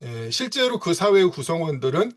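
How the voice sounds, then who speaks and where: A man lecturing over a video call with a fairly high, very lively pitch that jumps around as he explains. He keeps dropping little fillers and throws rhetorical questions at his listeners. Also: a little fast. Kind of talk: online reading-seminar lecture.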